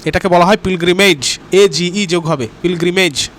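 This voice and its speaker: A man teaching an exam-prep lesson, explaining terms patiently and reading English questions out slowly. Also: high-pitched, a bit bright. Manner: explains terms patiently, often checks in with 'right?'.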